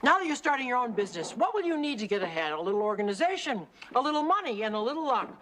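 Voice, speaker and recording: A woman's voice: on the high side, very animated, very fast, background noise. An actress playing a cheerful, encouraging woman running a small catering business, in a sitcom. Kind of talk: sitcom acting.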